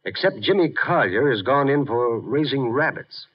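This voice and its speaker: An actor playing a worried government official in a 1950s radio drama, speaking formally and gravely. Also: male voice, mid-range voice, expressive, normal speed, over loud music, close to an everyday voice. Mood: grave, concerned. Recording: muffled vintage 1950s radio recording.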